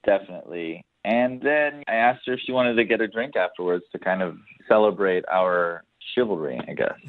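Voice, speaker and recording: A good-natured man calls in to a radio show and tells his story casually, a little hesitantly. His fairly low voice comes at normal speed over a thin, narrow telephone line, with no room sound.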